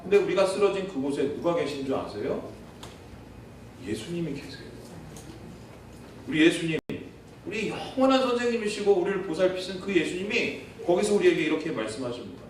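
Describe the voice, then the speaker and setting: A man's voice: high-pitched, lively intonation, fairly quick, a little hiss or hum. A man preaching a sermon as pastor, earnest, often turning to the congregation with questions and acting out quoted prayers. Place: church sanctuary. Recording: echoey church hall, far from the mic.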